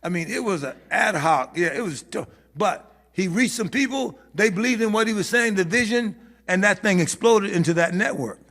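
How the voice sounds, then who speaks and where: Man bishop preaching, animated, high voice, bright tone, long reverb. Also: normal speed. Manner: animated, laughing, rising to shouts. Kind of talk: sermon at a prayer meeting. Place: church. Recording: hall reverb.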